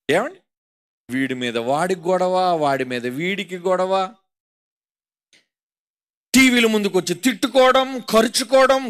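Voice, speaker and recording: A man's voice: high-pitched, sharp tone. A man with a Telugu accent preaching a sermon, mocking and rhetorical, constantly putting questions to his listeners. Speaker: pastor.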